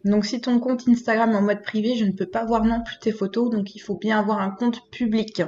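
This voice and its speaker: A woman with a hoarse, raspy smoker's voice, recovering from illness, chatting informally and directly to viewers as she hosts a video. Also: a little high, a little mellow, lo-fi sound. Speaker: host of an animal photography channel. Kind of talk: casual video commentary.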